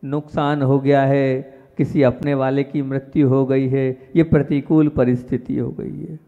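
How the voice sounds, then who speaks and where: A man, a Jain monk, giving a sermon and speaking to his listeners directly, with emphatic jumps in pitch and loudness on key words. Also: level tone, a little slow. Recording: dull reverberant hall sound.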